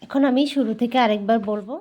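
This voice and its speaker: A woman with a Bangladeshi Bengali accent teaching Korean words in a casual video lesson, slowly repeating each word for practice. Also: on the high side, muffled recording.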